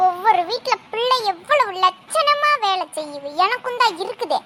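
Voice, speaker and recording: A woman voicing a loud, exasperated village mother in a family cartoon, scolding and lamenting at length. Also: very high voice, very animated, normal speed, noisy background. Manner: scolding, dramatic complaining. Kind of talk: cartoon dialogue.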